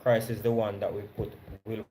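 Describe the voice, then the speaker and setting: A man with a Jamaican accent giving a Bible study sermon. He reads verses slowly with stressed key words, then explains them conversationally and checks in with his listeners. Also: fairly low pitch, flat delivery, warm tone, slight background noise. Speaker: Bible teacher.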